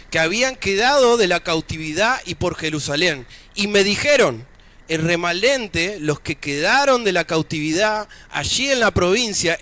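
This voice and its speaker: A man with an Argentine accent preaches a church sermon in a very high voice. His tone is bright and forceful, and his delivery is chatty, with light joking asides between readings from scripture. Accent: Argentine Spanish. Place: church service.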